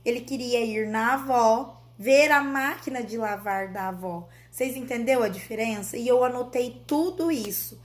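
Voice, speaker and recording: Earnest mother, higher voice. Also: moderate pace, hardly any pauses. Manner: earnest, explanatory, often calls out to her viewers. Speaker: mother sharing her child's story. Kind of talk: casual vlog storytelling to viewers.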